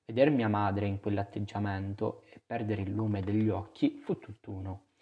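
A man narrating a literary novel in the first person, with a measured, expressive storytelling delivery. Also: lowish voice, phone-quality sound. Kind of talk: audiobook reading of a literary novel.

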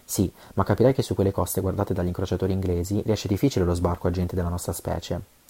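Un uomo che dà voce a un compagno di pirati europeo sui trent'anni, calmo e beffardo. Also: male voice, low-pitched, fast talker, slightly rough. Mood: calm. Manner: calm, mocking. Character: wry European man, early thirties, pirate's friend.

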